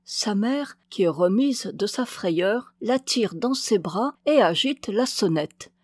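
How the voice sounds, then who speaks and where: A woman reading a classic novel aloud as an audiobook, tender and expressive. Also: mid-range voice, takes it slowly, no echo, clean studio sound. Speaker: audiobook reader.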